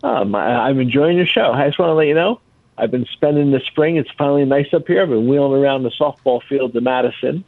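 A man's voice: medium pitch, fairly quick, gravelly, no room sound. Man calling in over a tinny phone line. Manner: earnest, steady, explaining at length. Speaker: radio show caller. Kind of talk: call-in chat.

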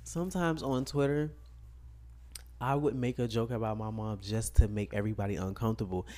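A man's voice: lowish voice, steady tone, brisk, darkish tone. A man co-hosting a podcast, telling stories in a dry, nonchalant way and laughing often. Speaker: podcast co-host. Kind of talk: casual chat.

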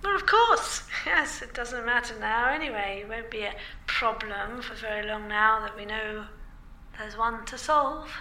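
A woman voices a sly female corporate villain in a radio drama, teasing and laughing with slow, toying menace. Her bright, crisp voice sits a little high and drawls each word. The sound carries a roomy echo. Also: slight background noise.

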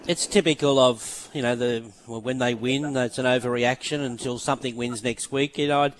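A man answering a caller as a racing panelist on radio, halting and restarting sentences. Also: mid-range voice, fairly even intonation, rough recording. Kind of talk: talkback radio discussion.

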